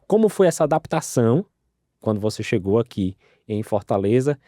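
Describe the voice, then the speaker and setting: A man's voice: medium pitch, big pitch swings, normal speed, dark tone, no echo, studio quality. A man from Ceará in Brazil with a Cearense accent, hosting an interview in a friendly, affirming way. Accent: Cearense Brazilian Portuguese. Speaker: host. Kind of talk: casual interview.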